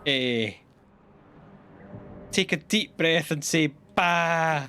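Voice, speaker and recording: A streamer cracks jokes through a live gameplay session, muttering to himself in sarcastic, rambling commentary. His voice is fairly high and fairly bright, with lively intonation and a moderate pace, and the recording carries a little hiss or hum.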